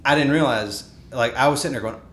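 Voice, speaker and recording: A man in his thirties telling stories in a casual podcast chat, animated, acting out what people said. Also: quick pace. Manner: animated storyteller, acts out quotes. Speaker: podcast co-host. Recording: echoey room with faint rumble.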